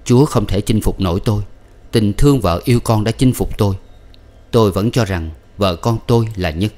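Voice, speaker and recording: A man reading a novel aloud as an audiobook narrator, with steady, measured storytelling. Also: lowish voice. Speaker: audiobook reader.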